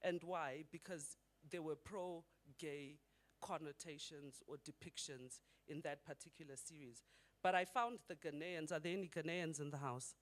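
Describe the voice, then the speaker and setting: A man's voice: on the high side, normal speed, fairly bright tone. A middle-aged man from Zimbabwe giving a conversational conference talk and putting rhetorical questions to the audience. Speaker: conference speaker.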